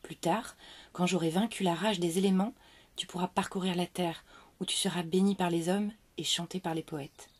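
A woman voicing a benevolent female spirit of life, calm and solemn, in a storybook reading. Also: lowish voice, moderate pace, breathy edge.

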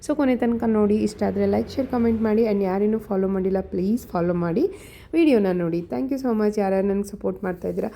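A woman's voice: medium pitch, vocal fry, warm tone. A woman vlogger, chatting through a casual voice-over about her day. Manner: chatty, quick, explaining daily routine.

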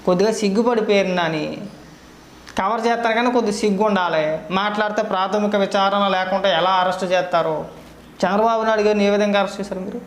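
A man giving heated political commentary, scolding his target with rapid rhetorical questions. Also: high-pitched, steady tone, echoey room.

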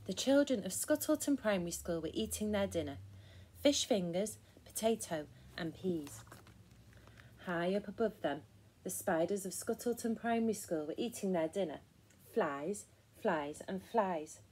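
A woman hosting a story time and reading a children's picture book aloud in a gentle, expressive and encouraging way. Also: mid-range voice, unhurried, slightly rough.

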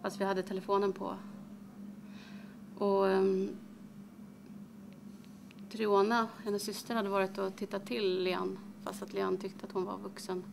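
Actress as a halting, creaky-voiced grieving mother. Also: mid-range voice, little pitch movement, noisy background, natural voice. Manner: halting, hesitant, many pauses and fillers. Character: grieving mother, middle-aged, recalling her daughter's death. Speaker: actress performing a monologue. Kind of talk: dramatic monologue.

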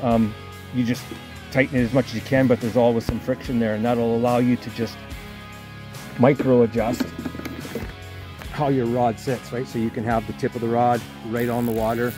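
A man hosting a fly fishing vlog, explaining his gear in a relaxed way with plenty of fillers, outdoors on a lake. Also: medium pitch, moderate pace, pauses often, music in the background. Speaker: fly fishing show host. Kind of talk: casual outdoor vlog talk.

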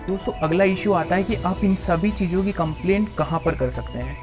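A young adult man from India, host of his own channel, gives an instructive explanation straight to camera and calls his viewers friends. His high voice moves briskly over music. He records in a small room against a plain backdrop, with a small clip-on mic on his shirt.

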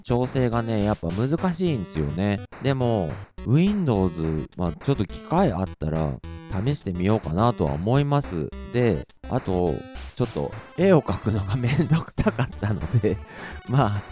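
A man's voice: medium pitch, mellow. A man hosting as a VTuber, chatting casually in a rambling, easygoing way. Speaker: VTuber host. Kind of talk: casual chat.

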